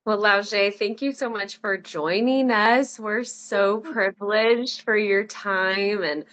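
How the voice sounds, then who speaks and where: A woman's voice: mid-range voice, sharp tone. A woman hosting, graciously thanking her guest and asking questions. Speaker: host. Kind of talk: interview questions.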